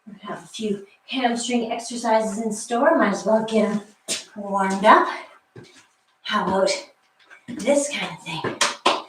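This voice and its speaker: A woman's voice: mid-range voice, slow, pauses often, fairly bright tone, a little hiss or hum. A woman leading a live workout from a basement, her voice echoing in the room. She is chatty, calling out moves between asides. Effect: echoey room sound. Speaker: fitness instructor. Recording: echoey basement room, voice far from mic.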